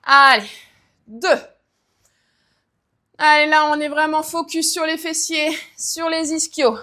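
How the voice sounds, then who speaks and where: A woman's voice: high-pitched, little pitch movement, slow, pushed and bright. A woman leading a guided leg workout, counting reps and cueing form as she exercises. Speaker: fitness coach.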